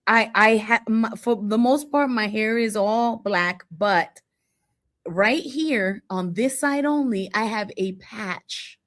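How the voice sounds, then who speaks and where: A woman in her forties co-hosts a podcast, chatting casually and offering firm, playful opinions. She speaks slowly in a fairly high, slightly bright voice.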